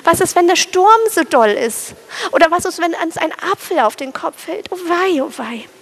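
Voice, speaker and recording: A timid little sparrow frets and whines in a high, raised voice, as a woman storyteller puts him on. The voice has a gravelly edge and goes up with every worry, as in a bedtime story. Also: expressive, moderate pace, exaggerated voice. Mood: anxious. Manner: anxious, whiny, fretting questions. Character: small timid fretful male sparrow.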